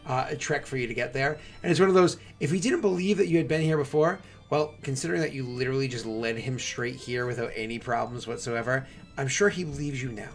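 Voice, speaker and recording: A man's voice: medium pitch, quick pace, soft background music. A man working as game master, improvising tabletop game narration in a chatty, rambling way with conversational asides.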